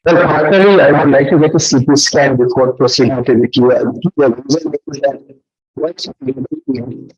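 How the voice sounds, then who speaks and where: A man speaking as a doctor on an online panel, his voice echoing because he is logged in from a second device, talking in halting, cut-off phrases. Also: medium pitch, darkish tone, husky. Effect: echo from being logged in on a second device. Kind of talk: online medical panel discussion. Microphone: video call. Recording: dull, distant video-call audio with echo.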